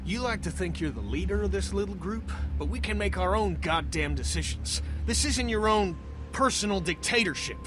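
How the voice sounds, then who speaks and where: Hot-headed American survivor, music behind. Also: male voice, sits high, expressive, normal speed. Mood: challenging. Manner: blunt, challenging. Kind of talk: video game acting.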